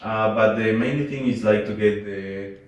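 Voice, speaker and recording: A young man from Ecuador talks in a relaxed, halting way, padding his answers with "like" and "uh". His voice sits a bit low. He sounds set back from the mic in a very echoey room. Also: distant mic. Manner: relaxed, hesitant, many fillers and "like". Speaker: guest, international student. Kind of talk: casual interview answers.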